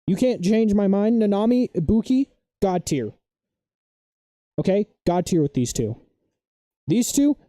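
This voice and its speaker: A young man rambling through a casual live stream. His voice is deep, dark and mellow. It is recorded close and dry, with no room echo, and he argues his opinions with excitable conviction.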